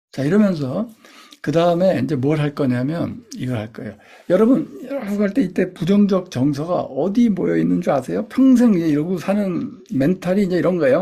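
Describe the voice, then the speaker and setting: Guy with a gravelly, mellow voice walking folks thru body exercises, lots of up and down in pitch. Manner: coaching, demonstrating gestures step by step. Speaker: instructor. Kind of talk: guided body exercise lecture.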